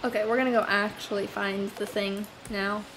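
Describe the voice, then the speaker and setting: Playing a game in her apartment, a young woman hosts casual gameplay commentary, rambling to herself with frequent sighs and fillers. Her mid-range voice is flat and moderately paced, against a noisy background with game music clearly behind it.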